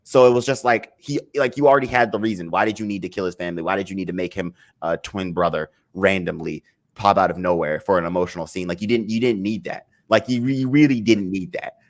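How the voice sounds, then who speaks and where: A man with a very deep voice talks in a loose, rambling way on a casual podcast. He stumbles and restarts his sentences, swears freely and laughs when something annoys him. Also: fast. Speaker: podcast co-host. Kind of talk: casual chat.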